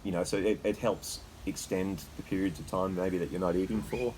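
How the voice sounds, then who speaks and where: An Australian man talking casually and haltingly as host, with a slight cold shiver in his voice as he sits in icy water. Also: low voice, steady tone, a little mellow, slight background noise, low-quality recording. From Queensland, Australia. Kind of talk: casual unscripted talk. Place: sitting in a freezer full of icy water.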